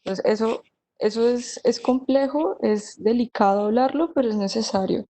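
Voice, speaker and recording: A woman's voice: on the high side, moderate pace, warm tone, low-quality recording. A young woman, a history student giving a careful, somewhat hesitant panel answer over a video call. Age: young adult.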